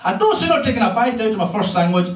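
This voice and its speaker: A Hebridean Scottish man doing stand-up with a high voice and a profane, deadpan delivery. He is recorded from far off in a roomy live venue, so the sound is echoey and distant. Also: quick pace. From Isle of Lewis, Scotland. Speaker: stand-up comedian. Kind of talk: stand-up comedy. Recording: echoey club room from far off.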